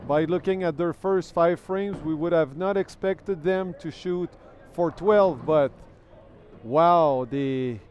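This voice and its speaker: A man's voice: a little high, slow pace, darkish tone, muffled recording, slight background noise. A man whose first language is French, doing live commentary on a bowling event. He talks in a chatty way, thanks viewers, and repeats words while he thinks. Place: bowling alley.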